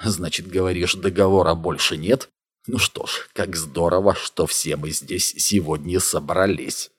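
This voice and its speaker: A man voicing a calm, controlling man who gives cold commands in an audiobook. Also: low voice, unhurried, slightly rough. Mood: menacing.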